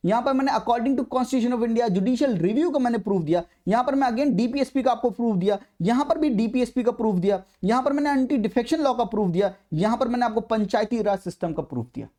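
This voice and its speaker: A man's voice: very high voice, expressive, a little fast, hardly any pauses, warm tone. A young man giving an exam prep lecture in a mix of Hindi and English, stressing points by repeating them. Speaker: exam coaching teacher.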